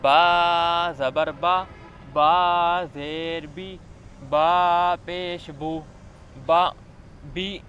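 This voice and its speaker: A man teaching Quran reading, slowly chanting each letter with its vowel marks and then the sounds on their own. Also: on the high side, a bit bright, slight background noise. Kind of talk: slow syllable drill with spoken summary.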